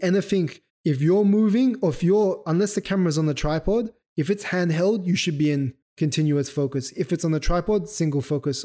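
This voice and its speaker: A young man hosts a solo photography podcast, explaining things loosely with fillers and self-corrections. His voice sits on the high side with a dark tone, and his throat is sore, so his voice is starting to go.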